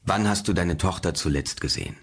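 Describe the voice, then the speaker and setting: A man's voice: sits low, fairly quick, slightly rough. A man voicing a gaunt, worried older male doctor who pleads urgently with a friend in an audiobook thriller.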